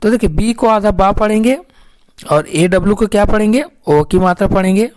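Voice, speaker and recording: A woman's voice: mid-range voice, normal speed, darkish tone. Woman teaching phonics, keeps asking questions. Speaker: English teacher. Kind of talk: phonics lesson.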